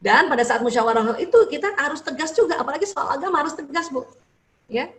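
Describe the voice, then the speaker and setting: A woman therapist giving earnest, instructive religious advice, often tagging her points with a soft "ya". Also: sits high, expressive, quick pace.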